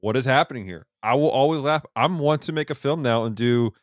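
A man's voice: mid-range voice, fairly quick, no room sound, studio quality. A man hosting a movie podcast in casual chat, laughing often. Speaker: podcast host.

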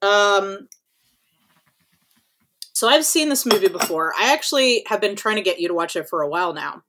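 A woman's voice: mid-range voice, expressive, moderate pace, background noise. A woman co-hosting a podcast in casual chat, rambling with lots of fillers and casual swearing. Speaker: podcast co-host.

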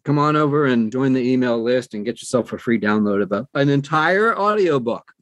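Speaking as a guest in an interview, this audiobook producer, middle-aged or older, offers sincere advice in a conversational way, repeating phrases for emphasis. He talks fairly quickly at medium pitch, expressively, and the recording has no room sound.

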